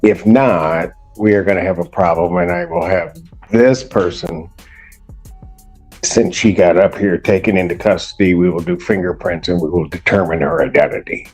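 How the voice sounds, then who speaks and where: Man, judge, very low voice, firm and deliberate, courtroom recording. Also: vocal fry, a little mellow, breathy edge, soft background music, poor audio. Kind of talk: courtroom proceedings.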